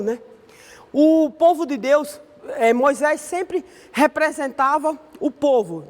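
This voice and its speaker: A woman's voice: sits high, big-room sound. A woman with a Brazilian accent teaching an online Sunday school Bible lesson in a conversational way, often ending her sentences with a questioning tag. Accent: Brazilian Portuguese.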